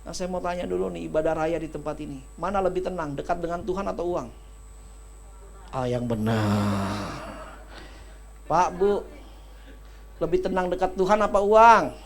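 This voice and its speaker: A male pastor, preaching a lively, joking sermon at a church service and calling for amens. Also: high voice, fairly quick, gravelly. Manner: animated, joking, calls for amens.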